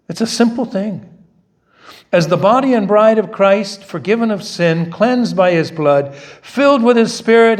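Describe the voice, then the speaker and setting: A high-pitched middle-aged man preaches in a church sanctuary, shifting between Korean and English. The bilingual sermon is loud and emphatic, full of rhetorical questions.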